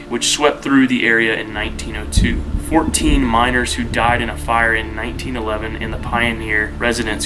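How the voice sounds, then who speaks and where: A man's voice: medium pitch, poor audio. A man narrating a casual first-person travel vlog as the one staying there. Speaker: vlogger narrating a motel stay.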